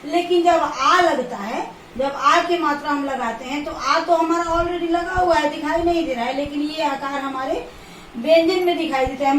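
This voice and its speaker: High-voiced woman teaching in an echoey room. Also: distant mic, a little hiss or hum. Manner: slow, repetitive explaining, counting aloud. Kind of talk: classroom lesson.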